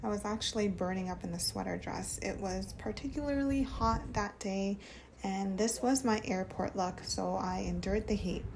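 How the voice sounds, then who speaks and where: A woman from the States narrating her travel vlog, relaxed and enthusiastic, sometimes whispering. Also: medium pitch, normal speed, vocal fry, background noise. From United States. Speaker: travel vlogger. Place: outdoors on a windy island and in an airport.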